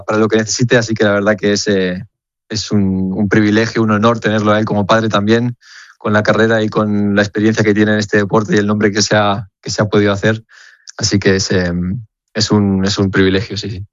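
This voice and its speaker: A young man from Spain, a footballer, answering questions earnestly over the phone, halting and repeating words as he searches. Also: fairly low pitch, no room sound, lo-fi sound. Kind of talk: phone interview.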